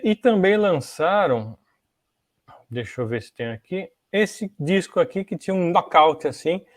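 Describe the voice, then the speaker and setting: With studio-quality audio and no room sound, a Brazilian man with a voice on the high side hosts a podcast. His talk on music technology history is relaxed and instructive, sprinkled with small tag questions to check on listeners.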